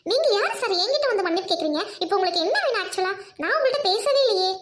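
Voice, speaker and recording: A woman's voice: very high-pitched, expressive, racing. Woman doing scornful angry college girl Jeni. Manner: sharp, scornful, cutting. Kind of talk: audio drama acting.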